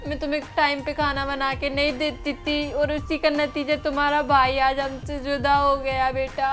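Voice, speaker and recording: Home skit: careless young mother who scolds her kids, played by a woman; high-pitched, shrill when yelling. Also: completely flat delivery, moderate pace, soft background music. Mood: apologetic. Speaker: actress in a family skit. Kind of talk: home-made family drama acting.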